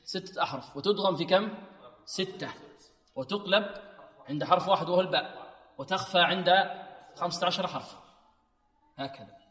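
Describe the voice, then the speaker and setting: Male tajweed teacher, higher voice, question-and-answer teaching, reverberant sound. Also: a bit bright, far from the mic. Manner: asks rhetorical questions, then slowly chants the verse. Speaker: Quran recitation teacher. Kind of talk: tajweed lesson with rhetorical questions.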